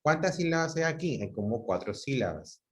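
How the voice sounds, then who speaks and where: Over a video call, a Peruvian man teaches a class online, patiently repeating examples and making sure students follow. His medium-pitched voice is very animated and brisk.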